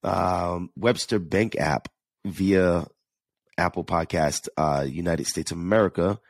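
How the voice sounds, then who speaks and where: Deep-voiced New York podcast host. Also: male voice, slow, no room sound. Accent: New York / New Jersey. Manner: earnest, repeats words and restarts often. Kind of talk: casual solo podcast monologue.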